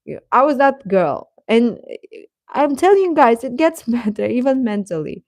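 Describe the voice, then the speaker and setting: An adult woman livestreams advice to teenage viewers in a fairly high, very animated voice with a darkish tone and moderate pace. She chats casually yet earnestly, repeating phrases to reassure and encourage, in a dry, clean studio recording.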